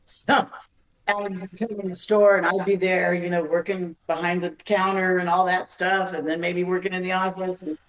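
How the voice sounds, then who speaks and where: A woman from Arizona, a singer guest on a podcast, telling long stories with halting restarts. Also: fairly low pitch, level tone, far from the mic, poor audio. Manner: halting, many restarts, laughs while telling. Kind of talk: podcast interview storytelling.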